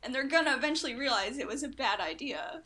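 A young woman whose raspy voice is hoarse and giving out, talking opinionatedly in a casual podcast chat. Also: high-pitched, animated, fast talker, bright, forceful tone. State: hoarse, losing voice.

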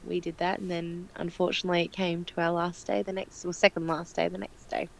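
A woman recounts a trip in casual conversation. She laughs often and tells it with plenty of animation. Her voice is loud and unguarded, as she says herself. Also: on the low side, little pitch movement, brisk, gravelly, a little hiss or hum, poor audio. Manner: loud, self-described as not quiet. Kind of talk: casual chat.

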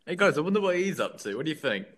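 Lively, defensive young man. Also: a little high, very fast, no echo, studio quality. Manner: defensive, lively, repeats himself. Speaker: player. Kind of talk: casual tabletop game chat.

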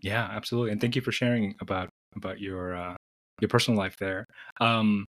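A man's voice: fairly low pitch, fairly even intonation, fairly quick, fairly bright tone. A middle-aged man born in the Dominican Republic and raised in New York City, a guest in an interview, talking thoughtfully with many restarts and repeated words. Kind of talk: conversational interview.

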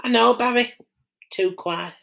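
A man's voice: very high voice, a little slow, vocal fry, bright, forceful tone, voice pushed up, full character voice. A man voicing a landlord's meek wife who agrees with her husband in a comedy podcast.

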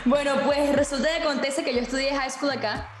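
A young woman chats as a podcast guest, her voice a little high and bright with easy laughter. The room rings a bit around the mic, with faint music underneath. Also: normal speed, echoey room. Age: young adult. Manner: laughs easily, animated storytelling. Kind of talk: casual chat.

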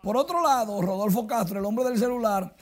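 Casting: high, husky-voiced man, animated sports presenter. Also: brisk. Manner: lively, excited play-by-play delivery. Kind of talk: sports news segment.

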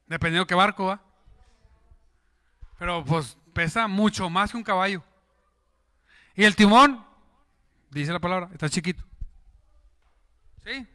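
A man's voice: high voice, unhurried, long pauses. A man preaching a sermon, joking and putting questions to the congregation. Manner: lively, jokes and asks the congregation questions.

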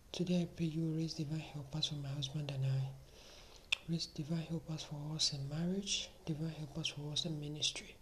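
Woman, whispered prayer, breathy, very low voice, faint hiss behind. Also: low-quality recording. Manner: soft breathy whisper, fervent repetition. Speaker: prayer leader.

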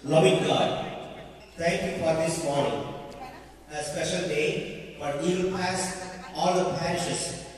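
A male priest recites prayers slowly and solemnly to a gathered group. His voice rings with a long cathedral echo, picked up from far off. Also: fairly high pitch. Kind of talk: leading congregational prayer. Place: large echoing room with a gathered group. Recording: cathedral-like echo, distant mic, crowd.

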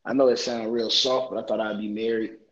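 A man's voice: on the low side, little pitch movement, brisk. Man in his 20s, podcast co-host, easygoing teasing delivery, dull lo-fi recording. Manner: joking, teasing, laid-back. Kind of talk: casual chat.

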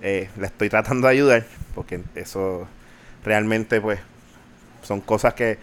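A man's voice: fairly low pitch, a little slow, clear, resonant tone. Ranting young Puerto Rican man, swearing. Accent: Puerto Rican Spanish. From Puerto Rico. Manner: ranting, animated, mixes English into Spanish, swears freely. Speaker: podcast host. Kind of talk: casual podcast chat.

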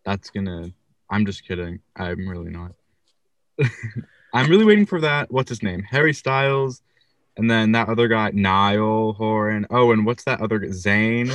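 Young male podcast host, lowish, quiet and calm, dry. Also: normal speed, dry recording. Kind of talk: casual chat and outro.

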